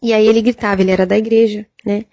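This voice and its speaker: A woman's voice: medium pitch, level tone, mellow, no room sound. Brazilian woman testifying a vision. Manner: halting, many fillers, cites Bible verses. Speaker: church sister giving testimony. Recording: dull lo-fi recording, dry sound.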